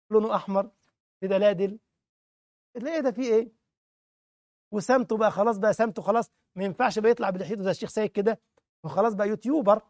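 A man's voice: sits high, dry recording, clean studio sound. A man with an Egyptian accent preaching in colloquial style, sarcastic and mocking, mimicking those he criticizes. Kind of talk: colloquial sermon talk.

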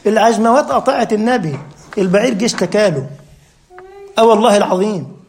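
High-voiced Egyptian preacher in echoey room. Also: male voice, lively intonation, fast, vocal fry, slight background noise. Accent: Egyptian Arabic. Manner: fervent, swings between hushed and emphatic. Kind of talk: sermon.

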